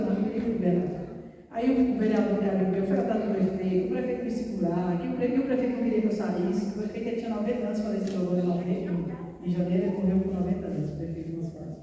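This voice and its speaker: Woman preaching her testimony in church, dark mellow voice, big echoey hall, sounds far from the mic. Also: fairly low pitch. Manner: earnest storytelling, often addressing the congregation as brothers. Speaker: guest preacher. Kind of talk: testimony sermon.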